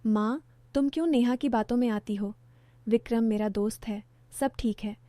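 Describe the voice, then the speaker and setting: A woman's voice: on the high side, moderate pace, dark tone, no echo, lightly acted. A woman voicing a troubled young adult son in a spoken story, reading his lines evenly. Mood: defensive.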